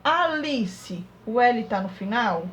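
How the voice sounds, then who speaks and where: A woman teaching a young class remotely, working through exercises step by step and sounding out syllables slowly. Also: a little high, lively intonation, a bit bright, a little hiss or hum, rough recording. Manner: slow, syllable-by-syllable dictation. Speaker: primary school teacher.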